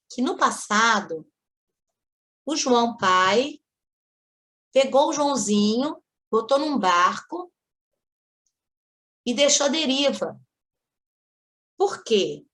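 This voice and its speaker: A woman's voice: on the high side, a bit bright. A woman giving a spiritist study talk, telling a story vividly and acting out the quoted lines. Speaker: study group speaker.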